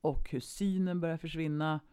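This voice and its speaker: A woman's voice: low voice, fairly even intonation, warm tone, smooth. Woman telling a personal story on a podcast. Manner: vivid personal storytelling, shifting between brisk and slow. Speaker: podcast co-host. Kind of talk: casual podcast conversation.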